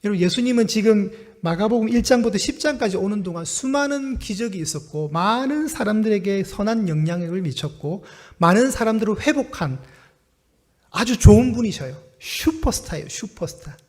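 High-voiced pastor preaching in a reverberant church. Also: male voice, a little fast. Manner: projects his voice loudly to reach the room; animated storytelling, acting out cries and quotes. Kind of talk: sermon. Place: church sanctuary. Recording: long reverb of a church hall.

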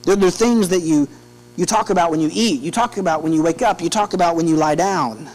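The audio is poor, with a steady electrical hum, as a man in his thirties gives a sermon at the pulpit of a church sanctuary. His voice is on the high side and a little fast, and his earnest, conversational delivery often restarts mid-phrase.

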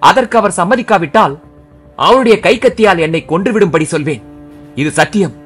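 Earnest young nobleman in a storybook, firm and low, as a man reads him, husky. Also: expressive, a little fast, fairly bright tone, faint music behind, exaggerated voice. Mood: resolute.

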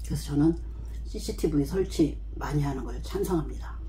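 A woman with a low, mellow voice talks through mouthfuls, chewing as she chats about her food and her home. Her delivery is plain and matter-of-fact. Faint noise and the clink of cutlery sit under her voice. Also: brisk, low-quality recording. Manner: plain, matter-of-fact remarks between bites. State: chewing while talking. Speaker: mukbang creator. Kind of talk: casual eating-show chat.

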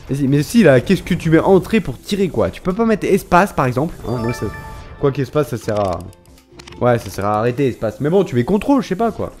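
A man giving casual let's-play commentary, excitable and slangy, exclaiming and swearing at the game as he reads its text aloud. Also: medium pitch, brisk, faint music behind. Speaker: gaming video creator.

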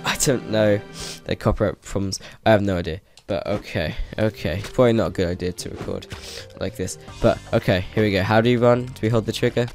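A man's voice: on the low side, fairly quick, hardly any pauses, a little mellow. A man with a stuffy, congested voice from a cold, giving rambling, hesitant casual commentary as he plays a game on his channel. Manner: rambling, hesitant, laughing often. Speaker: gaming channel host. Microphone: desk microphone set to high sensitivity. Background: game music.

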